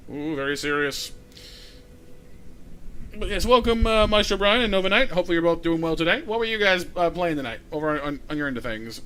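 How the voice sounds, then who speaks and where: A man's voice: fairly high pitch, lively intonation, fairly quick, pushed and bright, a little hiss or hum. A male live streamer chatting casually, rambling and repeating himself with many fillers.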